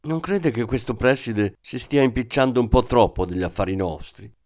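A man reading the lines of a blunt, excitable male deputy inspector in an audiobook. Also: mid-range voice, normal speed, lightly acted. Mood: grumbling.

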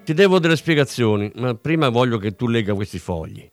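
A man's voice: mid-range voice, expressive, brisk, soft background music, lightly acted. A man reading aloud, voicing a blunt, tired police inspector in short, curt lines. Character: tired hard-nosed male police inspector.

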